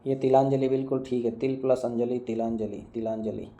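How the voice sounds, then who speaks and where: A man teaching a grammar lesson in a very dark, heavy voice. He keeps a flat, even tone as he runs down word lists, asks a short question and answers it himself. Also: medium pitch, muffled recording. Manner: drilling students with quick questions and answers, repeating words. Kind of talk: online exam-prep lesson.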